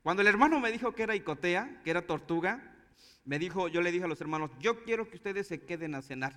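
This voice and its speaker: A man's voice: high-pitched, expressive, fast, bright, forceful tone, big-room sound. A man with a Mexican accent, a pastor telling a story in a conversational way before preaching. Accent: Mexican Spanish. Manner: conversational storytelling, chuckling asides. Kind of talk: sermon with anecdote.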